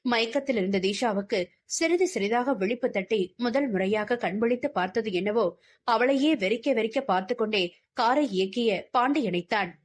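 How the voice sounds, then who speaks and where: A woman's voice: a little high, lively intonation, normal speed. A woman reading a novel aloud as an audiobook narrator with dramatic storytelling.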